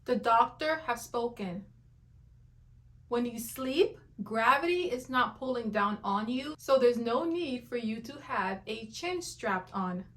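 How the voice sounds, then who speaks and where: Woman, skincare commentary host, fairly high voice, emphatic, incredulous, laughs often. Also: expressive, takes it slowly. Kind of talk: reaction commentary.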